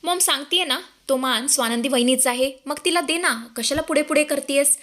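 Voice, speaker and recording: A woman voicing a young husband gently coaxing his wife. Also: high voice, a little fast. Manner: soft and coaxing.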